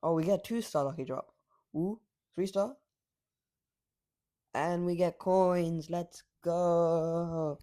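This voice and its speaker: Speaking slowly and pausing often, a man with a fairly high, dark-toned voice narrates his mobile gameplay in a casual, rambling way. He's brash and trash-talking, and late-night filming leaves him sounding slightly raspy.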